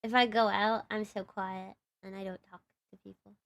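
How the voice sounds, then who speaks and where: A young woman with a Texan accent, a livestreamer and VTuber, chats casually on a live stream, bubbly, giggly and rambling. Her voice is medium-pitched with vocal fry, and her delivery is flat at a moderate pace.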